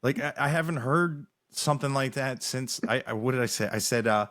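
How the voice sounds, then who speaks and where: A man's voice: medium pitch, brisk, fairly bright tone. A young man hosting a podcast, telling loose, rambling stories in casual chat with many restarts. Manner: rambling storyteller, many restarts, laughs often. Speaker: podcast host.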